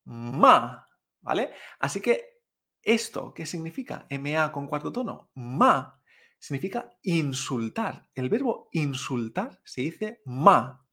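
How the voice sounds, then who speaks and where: A man's voice: fairly high pitch, sing-song, measured pace, gravelly, breathy edge. A man teaching Mandarin tones in as a patient, encouraging podcast teacher who models each sound aloud and checks in often with short tag questions. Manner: frequent tag questions like "¿vale?" and "¿eh?". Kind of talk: podcast lesson.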